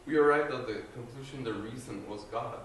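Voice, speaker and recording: In a large, echoey room with an audience, an earnest young adult from Guatemala, a student, gives his personal faith testimony, pausing frequently, restarting sentences and using ums to fill gaps. His voice sits at medium pitch. No mic was used, so a distant recorder makes him sound far off, with faint ambient noise behind.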